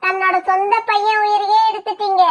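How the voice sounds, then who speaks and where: A woman voicing a gentle, devoted young bride myna bird in a cartoon, in a very high, thin voice with earnest pleading delivery. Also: a little fast, lo-fi sound. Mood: grieving. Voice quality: very high, thin and flat-toned. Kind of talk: cartoon voice acting.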